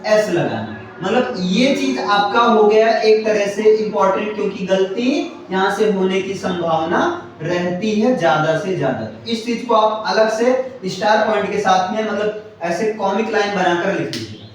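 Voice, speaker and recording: A man with a high voice teaches classroom grammar at a moderate pace, repeating points, spelling words letter by letter, and often making sure students understand. His students answer together. It's recorded from far off in a very echoey room, with a little hiss or hum.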